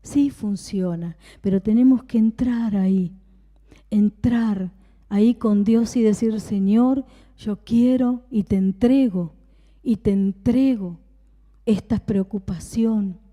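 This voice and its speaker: A woman's voice: medium pitch, slow pace, warm tone, big-room sound. A woman pastor with a Rioplatense Spanish accent preaching a sermon, repeating phrases for emphasis and sometimes dropping to a whisper. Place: church.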